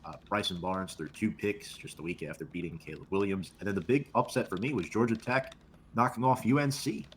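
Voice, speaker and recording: A man's voice: fairly low pitch, a little fast, slight background noise. A man co-hosting a casual football talk show, recapping games in a laid-back, offhand way. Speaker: co-host.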